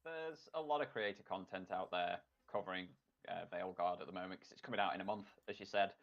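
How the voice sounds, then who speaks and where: A man's voice: low-pitched, a little fast, a bit bright, highs cut off. A man co-hosting a casual gaming podcast, blunt and jokey, given to mock-indignant banter. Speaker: podcast co-host.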